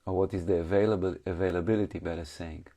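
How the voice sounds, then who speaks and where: A meditation teacher with a deep, dark, relaxed voice talks fast as he leads the session. Still, his calm instructions arrive in short phrases with long gaps, and his English has a slightly non-native phrasing.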